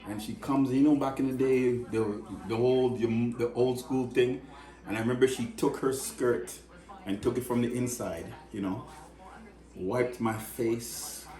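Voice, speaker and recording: A man's voice: mid-range voice, unhurried. Man telling an emotional story. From Canada. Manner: emotional, animated, acts out quoted voices. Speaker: storyteller in a conversation. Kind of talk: casual personal storytelling. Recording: echoey room.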